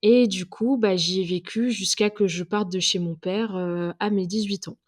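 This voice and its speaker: A woman in her twenties from southwestern France hosts a personal podcast. She speaks off the cuff in a mid-pitched voice, casual and confiding. Her delivery is chatty and a little hesitant as she gathers her thoughts. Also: fairly even intonation, moderate pace. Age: 20s. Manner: hesitant, unscripted, chatty with small laughs. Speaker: podcast host. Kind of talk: casual, confessional solo podcast talk.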